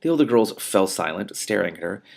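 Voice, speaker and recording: A host with a fairly low voice and strong vocal fry reads a novel aloud a little fast, adding spontaneous commentary. He's expressive and emphatic, sometimes dropping to a hush, and the feel is informal, like sharing his reactions.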